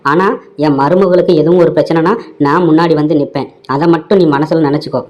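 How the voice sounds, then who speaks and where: A man's voice: on the high side, fairly even intonation, quick pace, darkish tone, dull audio, close to an everyday voice. Man voicing a wry easygoing cartoon dad. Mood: firm. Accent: Tamil. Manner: muttering to himself, wry. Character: easygoing middle-aged husband and father. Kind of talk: cartoon comedy voice acting.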